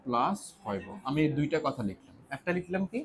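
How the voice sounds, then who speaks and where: A man's voice: fairly high pitch, big pitch swings, a little fast, slight background noise. A man teaching an exam-prep lesson, explaining step by step, repeating key points and answering his own questions.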